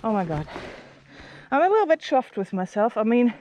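A woman riding a mountain bike trail outdoors, giving excitable, nervous running commentary into a helmet action camera. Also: on the high side, moderate pace, lo-fi sound, background noise. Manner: excitable and nervous, frequent exclamations. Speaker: mountain biker filming her ride.

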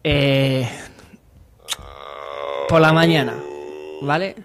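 A man's voice: on the high side, drawn-out words, background noise. A young man from Madrid, joking and acting out dialogue as humor contributor in a small radio studio. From Madrid, Spain. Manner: animated, gesturing, acts out dialogue in voices. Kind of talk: comedic radio chat. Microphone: desk mic on stand.

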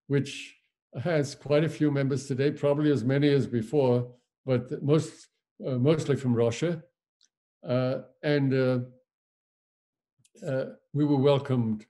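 An older man from Germany, a Holocaust survivor recounting his memories in a lecture, speaking in a halting, reflective way with many pauses. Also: mid-range voice, warm tone.

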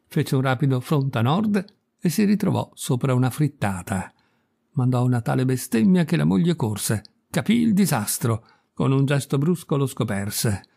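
A man narrating a short story in a lively, expressive reading voice. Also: on the high side, vocal fry.

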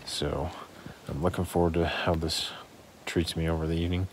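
Low-voiced man on a noisy phone recording. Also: flat delivery, normal speed. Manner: easygoing, rambling with fillers. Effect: recorded on a phone, audio bad. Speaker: hiker vlogger. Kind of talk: casual camping vlog. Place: inside a small tent with mesh liner. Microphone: phone mic.

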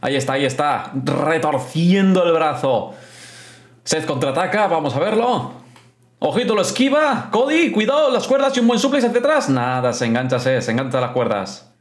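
Reaction streamer with a Spain accent, animated pitch, loud exclaiming, echoey room. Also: moderate pace. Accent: Spain Spanish. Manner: exclaims and swears often, repeats words in bursts. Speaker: streamer reacting to a wrestling show. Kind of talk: excited live reaction commentary. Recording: roomy echo.

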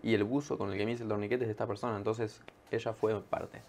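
Man, argentine accent, guest on a talk show, fast speech, relaxed slangy storytelling. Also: on the low side, creaky. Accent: Argentine Spanish. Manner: laid-back storytelling, slangy. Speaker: guest musician. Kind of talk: casual interview chat.

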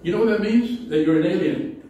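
A middle-aged pastor from a Spanish-speaking country, with a Spanish accent, preaches a conversational sermon from the pulpit, often restarting his sentences. His high-pitched, mellow voice moves a little fast. Captured by a pulpit mic and a far camera in a small, low-ceilinged church hall, the recording is muffled, echoey, distant, and carries slight background noise.

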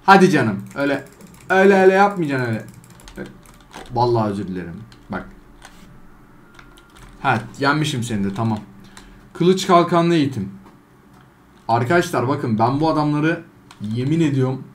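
A man doing gameplay commentary, trash-talking game characters and swinging between loud outbursts and low mutters. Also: expressive, moderate pace, pauses often. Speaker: gaming YouTuber.

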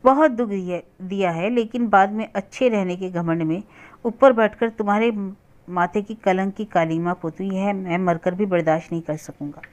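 A woman's voice: mid-range voice, normal speed, darkish tone, natural voice. A woman voicing a remorseful young man who speaks in an earnest, pleading way while reading a novel aloud.

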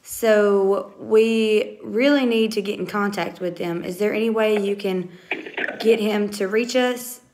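A young adult woman with a Southern US accent is a family vlogger making a prank call, chatting casually and politely on the phone and to camera. Her mid-range voice is steady, a little slow and darkish in tone. She's recorded in a small room at home on a phone held at arm's length.

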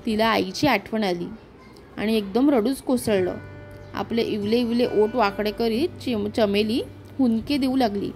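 Expressive woman storyteller. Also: on the high side, unhurried, faint music behind. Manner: expressive read-aloud storytelling. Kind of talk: children's story narration.

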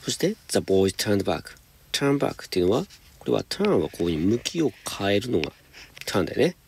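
A man teaching high school English, patiently explaining homework step by step and reading example sentences slowly. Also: big pitch swings, creaky, a little hiss or hum. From Japan.

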